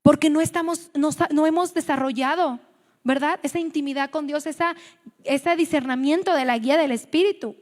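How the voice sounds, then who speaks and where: A Mexican woman preaches to a women's gathering in a high voice, chatty and storytelling, often restarting her words. Her voice carries a long hall reverb. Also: a little fast, darkish tone. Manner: conversational, storytelling, self-correcting. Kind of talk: sermon at a women's meeting.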